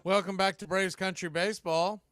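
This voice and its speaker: A man calling a baseball game play by play, rising to excited calls on big plays. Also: high voice, normal speed, very noisy. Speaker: play-by-play announcer.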